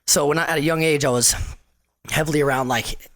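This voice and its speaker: Fast-talking laid-back man from Southern California. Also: a little high, steady tone, a bit bright, no room sound. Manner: laid-back, slangy, rambling with many restarts. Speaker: podcast guest, mural artist. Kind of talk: casual conversation.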